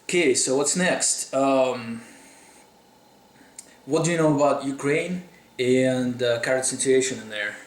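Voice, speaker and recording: A man's voice: mid-range voice, a little slow, far from the mic. A man from Russia with a Russian accent, casually interviewing a friend and often restarting his sentences. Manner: hesitant, lots of fillers and restarts. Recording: echoey room.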